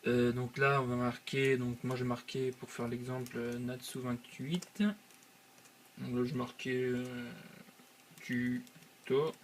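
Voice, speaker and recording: A man's voice: medium pitch, completely flat delivery, takes it slowly, slight background noise. A young man hosting his channel, walking viewers through a website step by step with many hesitant filler sounds. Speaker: channel host. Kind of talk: screen-recorded software tutorial.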